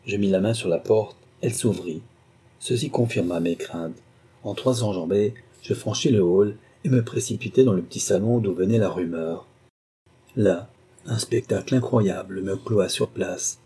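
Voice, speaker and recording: A man's voice: on the low side, normal speed, dark tone, husky. A man reading a short story aloud as narrator, with a dramatic, suspenseful delivery. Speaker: audiobook narrator.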